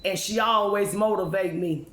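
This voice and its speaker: A woman's voice: mid-range voice, moderate pace, fairly bright tone. Woman, informal motivational testimony, emphatic repetition, rhetorical questions, echoey room recording. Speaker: spiritual speaker addressing followers.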